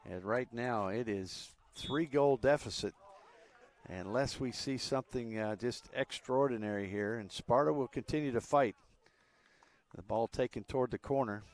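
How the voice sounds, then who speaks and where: A man doing live play-by-play commentary on a youth soccer match, relaxed and chatty with frequent fillers. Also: medium pitch, moderate pace.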